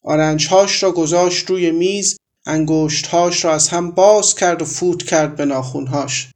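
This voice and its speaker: Man narrating a story, slightly high voice. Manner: measured, even storytelling.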